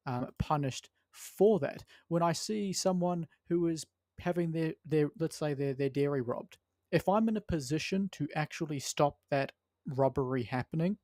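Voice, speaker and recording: A man's voice: fairly high pitch, dark tone, dry recording. A man co-hosting a podcast, giving conversational opinions and thinking aloud in broken phrases. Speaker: podcast co-host. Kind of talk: opinion talk, conversational commentary.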